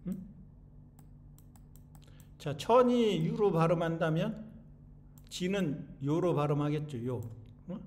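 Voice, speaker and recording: In a fairly high but darkish voice, a man delivers a casual lecture slowly, leaving long pauses. He poses questions only to answer them himself and keeps addressing the audience with a rhetorical "eh?"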